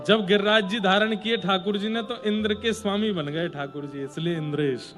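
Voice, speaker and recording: A man's voice: sits high, moderate pace, fairly bright tone, faint music behind. A man preaching a devotional sermon as a storyteller, playful with joking asides.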